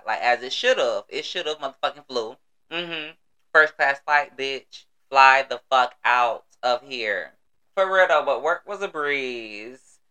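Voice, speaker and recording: A man's voice: mid-range voice, pushed and bright, clear, resonant tone. An American man hosting a casual solo podcast, with a sassy, exuberant manner and salty, slangy talk. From United States. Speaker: podcast host.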